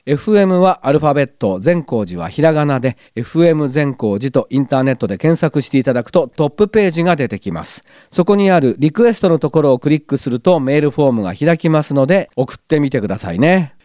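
A man's voice: fairly high pitch, expressive, quick pace, hardly any pauses, dark tone, no echo. A man hosting a community radio show, chatting casually and reading listener letters aloud in a studio. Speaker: radio host. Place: glass-walled studio in a cinema. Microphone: studio mic.

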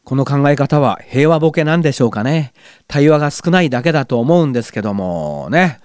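A man's voice: medium pitch, lively intonation, fairly quick, a little mellow, dry recording, studio quality. A middle-aged man hosting a local radio show, chatting casually in a musing way, with wry asides. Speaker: radio host. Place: radio studio.

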